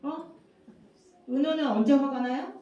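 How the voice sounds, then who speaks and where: A woman pastor giving a lively children's sermon, coaxing the kids with questions and repeating key words. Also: sits high, measured pace, distant mic. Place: church worship room. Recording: very echoey room, voice from off-mic, dull sound.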